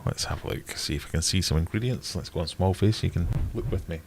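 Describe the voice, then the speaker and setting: Middle-aged British man, low-pitched and stuffed-up nose, blunt and wry livestream host, loose conversational delivery. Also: fast, gravelly, background noise. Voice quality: bunged-up, congested nasal voice. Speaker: livestream host answering viewer questions. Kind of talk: casual livestream chat.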